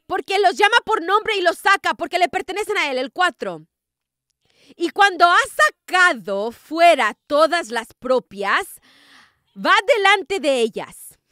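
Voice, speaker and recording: A woman preaching a sermon as a prophetess, emphatic and rising to forceful declarations, who keeps asking the congregation whether they are with her. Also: very high-pitched, no room sound, studio quality.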